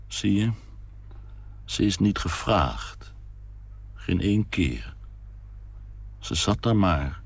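A quiet, anxious middle-aged mother, voiced by a male reader, speaking softly and gently. Her lines sit low and slightly husky, and the delivery is unhurried. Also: expressive, no echo, exaggerated voice. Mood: soft worried. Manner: quiet, soft-spoken. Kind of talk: dramatic reading of a story.

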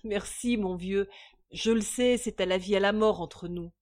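A woman voicing a sly, scheming man in a storybook reading, smooth and wry. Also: medium pitch, a little slow, a little mellow, lightly acted. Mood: earnest. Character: scheming sly middle-aged Parisian man.

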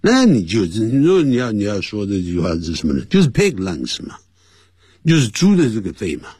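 Husky, lively-voiced male radio English teacher. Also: on the low side, normal speed, no room sound, studio quality. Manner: explains and spells out words letter by letter; switches between English examples and Mandarin explanation.

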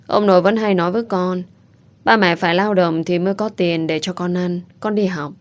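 A woman's voice: fairly low pitch, fairly even intonation, fairly quick, natural voice. A woman voicing a small, affectionate boy who talks in a pleading, childlike way. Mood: eager.

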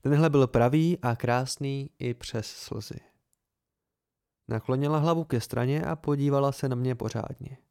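Smooth-voiced male audiobook narrator. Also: medium pitch, darkish tone, no room sound, studio quality. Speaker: audiobook reader.

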